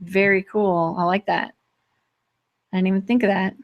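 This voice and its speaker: Fast-talking, chatty woman demo host. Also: mid-range voice, little pitch movement, dull audio. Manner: fast, chatty, restarts sentences often; laughs lightly between points. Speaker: host demonstrating software. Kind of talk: live screen-share software walkthrough.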